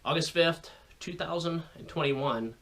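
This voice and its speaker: Unhurried and a bit bright, this American man's slightly high voice carries a folksy, informal explainer for his viewers, with plenty of rambling asides. He's a video host focused on radio as a hobby.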